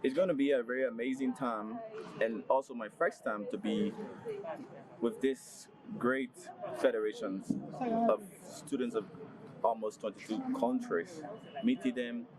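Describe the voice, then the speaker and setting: A man from Liberia speaks in measured, unhurried phrases, giving a friendly greeting to fellow students. Clear crowd chatter runs behind him. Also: medium pitch, rough recording. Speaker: graduate student.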